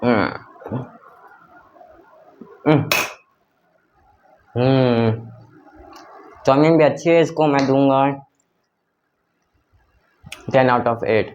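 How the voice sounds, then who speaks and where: A man's voice: medium pitch, drawn-out words, pauses often, a little mellow, dull audio. Young male vlogger, casual and chatty, speaking on a phone mic at home, with a faint noise floor. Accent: Hindi. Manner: chatty, teasing, addresses viewers as guys. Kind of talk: casual vlog chat. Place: home, indoors.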